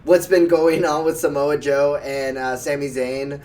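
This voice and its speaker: A man's voice: a little high, fairly even intonation, a little slow, a little mellow, recorded from a distance. A man co-hosting a casual wrestling podcast, giving emphatic opinions. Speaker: podcast co-host. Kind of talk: casual chat.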